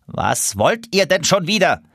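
A stern old female goose leading her flock, curt and impatient. A man puts her on, pitching well above his own voice. The delivery is close and dry. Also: animated, takes it slowly, gravelly, fairly bright tone, no room sound, full character voice.

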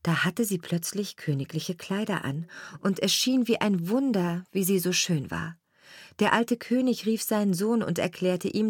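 A woman's voice: on the low side, no echo. Woman reading a fairy tale, close and dry. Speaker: narrator.

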